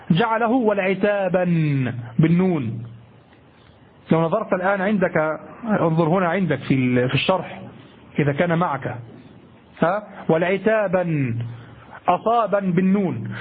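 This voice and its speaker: A high-pitched man lecturing on grammar, his voice husky and a little raspy. He repeats each point, keeps checking that his students follow, and now and then chants lines of verse. The sound is thin and tinny, like a phone line. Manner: explaining patiently, repeating points and checking with listeners. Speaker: grammar teacher. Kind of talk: classroom lecture.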